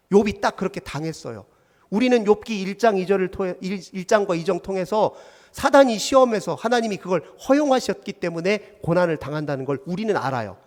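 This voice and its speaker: A male pastor preaching in a church, earnest and pleading, often dropping to a near hush. His voice sits fairly high for a man. The sound carries a long church reverb. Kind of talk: sermon. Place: church sanctuary.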